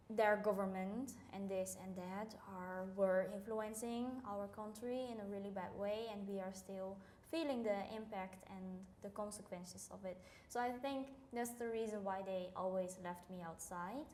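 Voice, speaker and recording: A woman's voice: medium pitch, steady tone, measured pace, darkish tone, echoey room. Young woman from Cambodia, earnest casual podcast chat, rambling with fillers, faint background noise. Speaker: podcast co-host.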